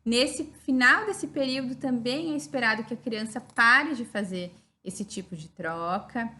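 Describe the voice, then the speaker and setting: A woman's voice: mid-range voice, sharp tone, a little hiss or hum. A woman with a Brazilian Portuguese accent giving a recorded teaching lecture, explaining step by step and often checking in with "né?". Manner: didactic, frequent "né?" tag questions.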